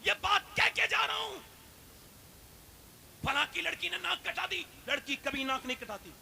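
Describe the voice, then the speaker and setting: A man delivers a fervent sermon in a very high, piercingly bright voice with a gravelly edge. He drops into hushed storytelling, then climbs to loud, shouted appeals, and he keeps firing questions at his listeners. A faint hiss sits under the recording. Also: expressive. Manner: rhetorical questions to the audience. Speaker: preacher. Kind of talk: impassioned religious sermon.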